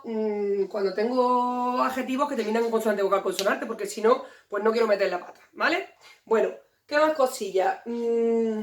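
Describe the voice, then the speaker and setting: A woman explains grammar at a whiteboard, patient and steady, often posing a question and answering it herself. Her voice sits a little high. The sound is roomy and comes from some way off the microphone. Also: distant mic. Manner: patient, repeats key points, asks and answers own questions. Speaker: English teacher.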